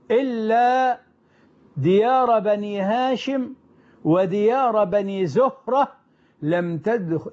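A man with an unusually high voice tells an old religious story as a storyteller. He is emphatic, rephrasing and repeating lines to press them home. The recording is dull and lo-fi. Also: darkish tone. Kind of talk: retelling early Islamic history.

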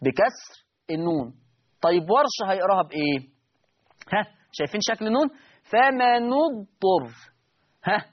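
A man with an Egyptian accent and a high voice teaches a recitation lesson. He explains step by step, repeats key points and quizzes his students. The recording sounds slightly muffled and lo-fi. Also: sing-song, fairly quick, pauses often, husky. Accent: Egyptian Arabic.

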